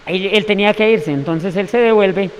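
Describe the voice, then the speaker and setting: A man's voice: high-pitched, normal speed, clean tone, big-room sound, muffled recording. A man telling a long story in an interview, rambling and restarting his words. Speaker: interviewee recounting events.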